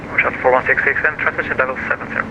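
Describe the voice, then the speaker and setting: A man with a mid-pitched voice gives procedural air traffic control instructions over the radio. The audio is dull, with clear aircraft noise underneath. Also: flat delivery, very fast.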